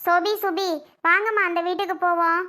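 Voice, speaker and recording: A woman doing a very high, bright-voiced mother, pleading and self-blaming, amateur family drama skit. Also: steady tone, brisk. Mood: resentful. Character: pleading mother, wife of a failed son.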